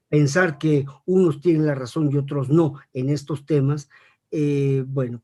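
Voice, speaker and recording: A man answering an interview question in a didactic, measured way, often checking in with his listeners and pausing with hesitations. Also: medium pitch, mellow. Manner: didactic, checks in with frequent rhetorical tags. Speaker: interview guest, academic expert.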